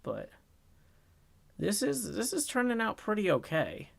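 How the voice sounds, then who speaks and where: A man hosting a casual livestream in a raspy, strained put-on voice, chatting and reading viewer comments into a boom mic. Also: huge pitch swings, a little slow, a bit bright, dry recording. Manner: rambling, chatty, talks to chat while working on a build. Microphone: boom microphone.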